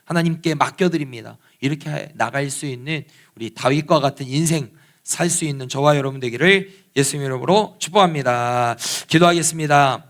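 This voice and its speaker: A man's voice: medium pitch, brisk, a bit bright. A man, a pastor, preaching a sermon with rhetorical questions and leading fervent prayer in church. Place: church sanctuary.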